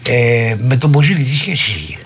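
A man's voice: medium pitch, expressive, a little hiss or hum. A man interviewing a guest, cutting in with short, prodding questions.

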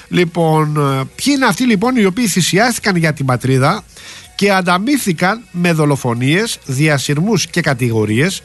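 A man's voice: a little high, a bit bright. A man hosting a radio show, chatting casually and reading a text aloud with his own asides. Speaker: radio host.

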